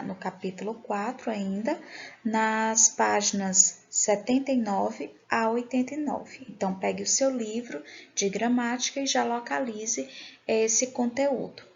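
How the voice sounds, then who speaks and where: A woman teaches grammar at a slow, unhurried pace, with a gravelly fry in her fairly high voice. She patiently poses questions to her class and answers them herself. The recording sounds dull and lo-fi. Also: steady tone, darkish tone.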